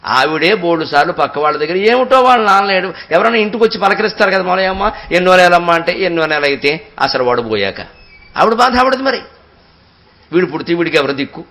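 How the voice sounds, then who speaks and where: A man giving a devotional discourse, telling stories expressively and chanting verses slowly and at length. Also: sits high. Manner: expressive storytelling, slow drawn-out verse recitation. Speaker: spiritual discourse speaker.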